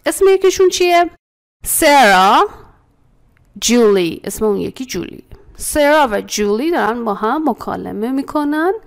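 Female language teacher, fairly high voice with fry, animated explaining, slow repeated model phrases. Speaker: English teacher. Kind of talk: language lesson explaining a textbook.

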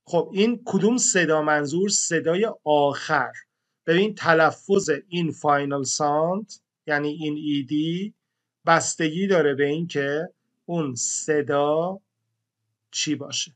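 A man explains a grammar rule to his class with his voice sitting a touch higher than most men's. He walks through it step by step and sounds out each letter separately. He calls his learners friends as he talks them through the pattern. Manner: addresses learners warmly as friends. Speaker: English teacher. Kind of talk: classroom-style grammar lesson.

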